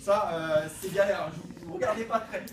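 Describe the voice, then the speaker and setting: A man performing improvised comic slam poetry for a class, playful and energetic, swinging between loud outbursts and hushed dreamy passages, stammering as he makes it up. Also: high voice, normal speed. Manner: stammering repeats while improvising. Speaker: slam poet leading a school workshop. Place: school classroom. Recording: echoey classroom, voice from a distance.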